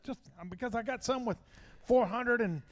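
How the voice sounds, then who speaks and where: A man's voice: very high-pitched, moderate pace. A man working as an auctioneer, mixing a rhythmic, repetitive bidding chant with chatty asides. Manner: repetitive rhythmic number calling. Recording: echoey hall with long reverb.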